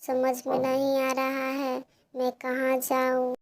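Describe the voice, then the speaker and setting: A woman's voice: sits high, completely flat delivery, slow. A woman voicing a poor, tearful young girl who pleads in a cartoon story. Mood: tearful pleading. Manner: pleading, whimpering.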